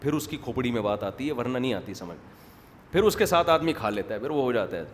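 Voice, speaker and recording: A man's voice: mid-range voice, animated. A man preaching in a humorous religious lecture, wandering off the topic and acting out quotes. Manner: digressive, joking, acts out quotes. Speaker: Islamic preacher. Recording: reverberant hall, faint background noise.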